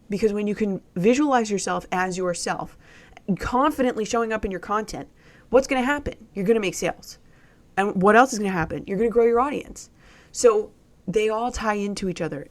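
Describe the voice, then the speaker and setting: A woman hosting a solo podcast, giving business coaching advice in an emphatic way and repeating key words. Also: mid-range voice.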